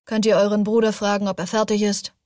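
A woman's voice: mid-range voice, little pitch movement, fast, darkish tone, dry recording, studio quality, close to an everyday voice. A woman reading the lines of a stern, cold male official in an audiobook, curt and clipped.

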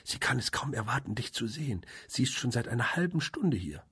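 A man reading an audiobook and voicing a bossy, sharp-tongued spinster sister, pitched up and pushy. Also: big pitch swings, fairly quick, slightly rough, no room sound, clean studio sound, heavily acted. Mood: insistent. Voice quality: sharp, insistent.

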